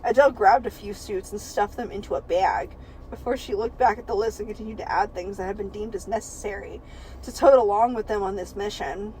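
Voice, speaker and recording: A woman's voice: medium pitch, fairly even intonation, a little fast, a little mellow, a little hiss or hum, rough recording. A woman co-hosting a podcast, reading a book aloud for laughs, giggling often and swearing freely. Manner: giggly and profane, breaks into laughter while reading. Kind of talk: comedic read-aloud with banter.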